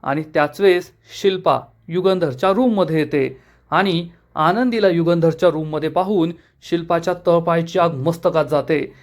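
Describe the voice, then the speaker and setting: A man with a high voice retells a TV serial episode scene by scene. He keeps a steady storytelling manner throughout the recap. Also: moderate pace.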